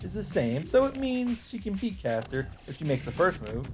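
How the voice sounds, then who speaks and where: A man reading a visual novel's narration for a let's play pitches his voice high and sing-song at normal speed. The recording is very noisy, with game music behind him, and his delivery follows a scripted storytelling style.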